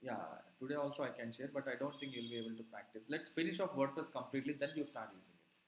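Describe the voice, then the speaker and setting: A man's voice: mid-range voice, quick pace. Indian-accented man teaching in an echoey room. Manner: repeats words and tags questions with okay. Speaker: web development instructor. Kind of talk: casual teaching and class chat. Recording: echoey room with background noise.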